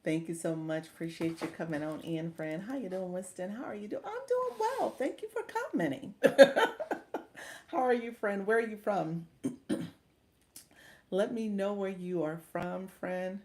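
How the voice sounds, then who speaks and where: A woman's voice: mid-range voice, animated, unhurried, a little mellow. A woman from Chicago hosting a casual livestream, upbeat and thanking viewers, calling them friend. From Chicago, US Midwest. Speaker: livestream coach and host. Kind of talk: casual livestream chat reading viewer comments.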